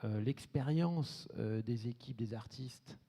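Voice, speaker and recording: A man's voice: medium pitch, takes it slowly, vocal fry, mellow. A man talking informally on a panel, hesitant and often repeating his words. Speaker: post-production professional, panel speaker.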